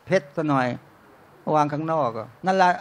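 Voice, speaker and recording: High-voiced man preaching to a crowd. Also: normal speed. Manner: keeps calling out to listeners as brothers and sisters, asks rhetorical questions; jokey and conversational, acts out short everyday scenes. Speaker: Islamic religious teacher. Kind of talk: informal sermon to a live audience. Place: restaurant used as a talk venue.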